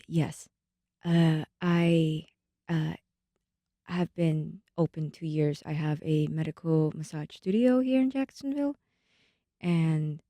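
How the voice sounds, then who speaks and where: In a radio studio, a young adult storyteller and massage studio owner talks through a casual interview with earnest hesitation, filler words, and restarts. The recording is dry, and her voice is low-pitched and mellow.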